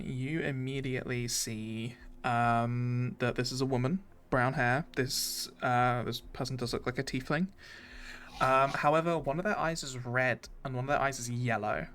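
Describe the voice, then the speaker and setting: A man's voice: medium pitch, fairly even intonation, measured pace, a bit bright, slight background noise. A man narrating a tabletop game as game master, hesitant with many fillers.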